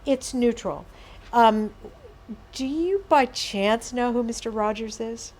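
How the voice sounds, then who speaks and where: A woman's voice: fairly high pitch, takes it slowly, darkish tone. A woman presenting a workshop to an audience, explaining patiently with everyday examples and asides. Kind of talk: educational talk on behaviour management.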